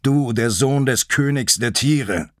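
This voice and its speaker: A man's voice: mid-range voice, slow pace, no echo, clean studio sound, voice pushed up, close to an everyday voice. A man voicing a stern, commanding mountain lion king who growls his orders.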